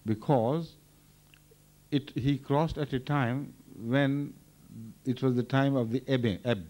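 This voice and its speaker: Measured older man explaining calmly. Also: medium pitch. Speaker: religious leader answering questions. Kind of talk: explanatory answer at a Q&A session. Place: large indoor hall. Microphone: standing microphone.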